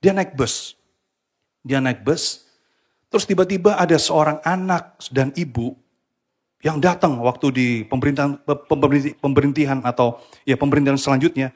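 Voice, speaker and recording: Husky, higher-voiced man preaching. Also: normal speed. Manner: animated, mixes English phrases into Indonesian. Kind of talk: sermon. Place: church hall.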